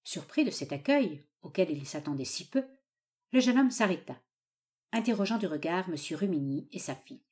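A woman narrates a classic novel for an audiobook. Her delivery is steady and measured. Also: fairly low pitch.

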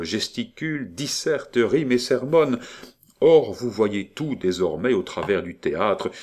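A man narrating a literary audiobook in a measured, declamatory reading. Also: lowish voice.

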